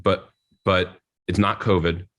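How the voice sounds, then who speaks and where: A deep-voiced man chats on a podcast in a loose, rambling way. He pokes fun at himself and plays out other people's lines as he tells a story. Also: level tone, slow, a bit bright. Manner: rambling, self-mocking storyteller who acts out others' lines. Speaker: podcast co-host. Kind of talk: casual podcast chat.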